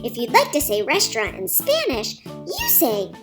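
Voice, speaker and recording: A woman voicing a cheerful, eager young girl in a children's cartoon, narrating a language lesson in a slow, encouraging way and repeating words. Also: very high-pitched, wildly swooping pitch, music in the background, exaggerated voice. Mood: encouraging, teacherly.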